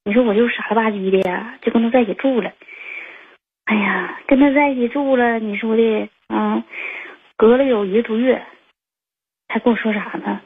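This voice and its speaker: Husky young woman on a phone line. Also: a little high, normal speed, pauses often. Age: 20s. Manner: rambling, many fillers and restarts. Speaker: caller. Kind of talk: telling a personal story on a call-in show.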